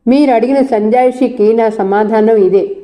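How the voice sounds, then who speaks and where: A woman's voice: on the high side, normal speed, dark tone, close to an everyday voice. A woman reading as a curt young lecturer. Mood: firm. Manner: firm, curt.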